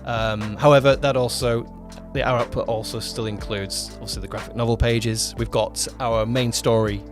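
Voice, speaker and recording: This man, a co-host and producer of a podcast, talks at a normal speed in a medium-pitched voice with fairly even intonation while music plays. Chatting casually about a production, he rambles and frequently stops to correct himself mid-sentence.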